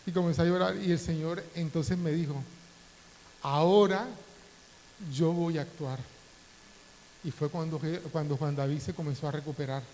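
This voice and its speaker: A high-pitched middle-aged man from the Dominican Republic preaching in a church with a long reverb tail. His sermon swings between calm storytelling and fervent raised passages, with a faint hiss under the recording. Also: fast, few pauses. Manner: preaching with emotional swings, voice rising in prayer. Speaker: pastor. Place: church hall.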